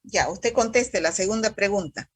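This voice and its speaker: A woman's voice: medium pitch, normal speed, slightly rough, no echo. A woman teaching a university microbiology class over a video call, quizzing students by roll call in a stern, scolding way.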